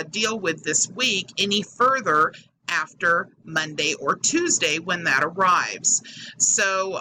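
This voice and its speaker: A woman's voice: fairly low pitch, pushed and bright. A woman hosting a YouTube commentary, talking casually to subscribers, her voice metallic and hollow as if through a faulty microphone. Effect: metallic, tinny, hollow sound from faulty microphone. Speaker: YouTube host. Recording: tinny hollow microphone, fan noise behind. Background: whirring fan.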